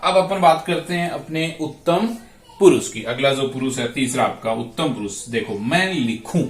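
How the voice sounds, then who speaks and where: A man of medium pitch and moderate pace delivers a slow classroom explanation of Sanskrit grammar. He draws each word out and repeats verb forms aloud, his voice coming from a distance in an echoey space.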